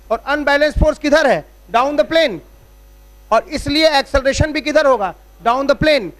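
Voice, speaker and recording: Standing at a board, this physics teacher walks his class through the material one step at a time, using everyday comparisons and posing rhetorical questions to keep them with him. His voice is very high and fairly bright in tone.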